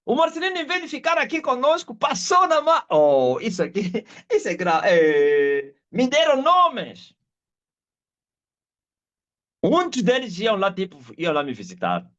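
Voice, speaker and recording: Angolan man preaching a testimony, higher voice, swings widely, muffled video call sound. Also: moderate pace, few pauses. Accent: Angolan Portuguese. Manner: animated storyteller, acts out quoted voices and shouts. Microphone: video call audio. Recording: dull lo-fi video call audio.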